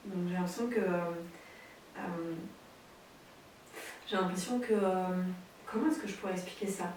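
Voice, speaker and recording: A woman's voice: on the low side, normal speed, darkish tone. A woman casually describing her intuitive impressions, hesitant and searching for her words. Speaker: participant sharing impressions. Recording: distant, very echoey, hissy.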